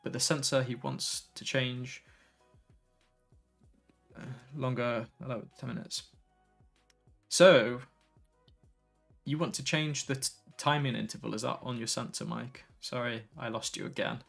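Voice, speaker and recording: A man talking through a relaxed evening tech livestream, his voice slightly gravelly and worn from a long day. He wanders from topic to topic and reads out viewer messages. Faint music plays quietly underneath. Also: mid-range voice, a little slow, pauses often. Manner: relaxed, tired, easily sidetracked, reads chat aloud. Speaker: tech streamer. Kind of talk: casual live stream chat.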